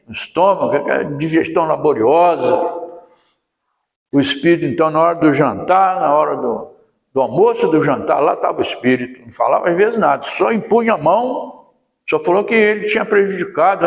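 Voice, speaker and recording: A man's voice: on the high side, vocal fry. A man with a Brazilian accent giving a folksy storytelling lecture at a spiritist center, full of tag questions. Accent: Brazilian Portuguese. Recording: echoey hall with long reverb.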